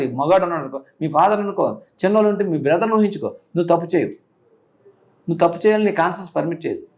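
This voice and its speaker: Fast-talking earnest middle-aged policeman. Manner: earnest, animated, rises high when stressing a point. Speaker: police officer, interviewee. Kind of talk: casual interview talk.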